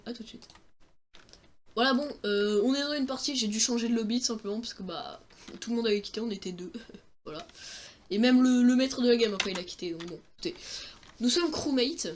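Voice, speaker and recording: High-voiced young man, joking gameplay commentary. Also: a little hiss or hum. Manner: joking, self-mocking, exclamatory. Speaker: gaming streamer. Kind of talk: let's-play commentary.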